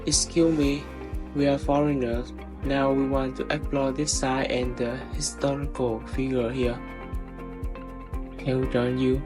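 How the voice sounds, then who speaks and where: A student playing a polite young male English tourist in a school skit, speaking slowly. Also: medium pitch, little pitch movement, natural voice. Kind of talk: student skit role-play. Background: background music.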